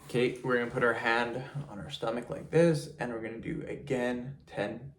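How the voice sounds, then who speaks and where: A man's voice: mid-range voice, steady tone, moderate pace. A man giving casual step-by-step instructions. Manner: instructional, counting reps and cueing breaks. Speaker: exercise tutorial host. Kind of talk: casual step-by-step video tutorial.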